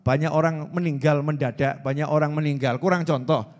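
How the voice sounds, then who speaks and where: A man in his forties with a Javanese accent, giving a lively sermon. He questions his listeners and acts out little dialogues as he talks. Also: a little high, fairly quick. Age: 40s. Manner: animated, acts out dialogue, asks audience questions. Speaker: preacher. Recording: hall reverb.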